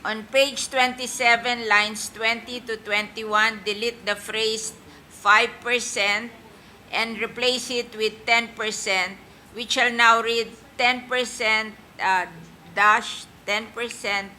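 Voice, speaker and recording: A woman senator with a Filipino accent, formally and deliberately reading out amendments to a bill item by item in a legislative session. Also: a little high, steady tone, bright, forceful tone. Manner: deliberate, itemized, procedural. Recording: noticeable background noise, session hall ambience.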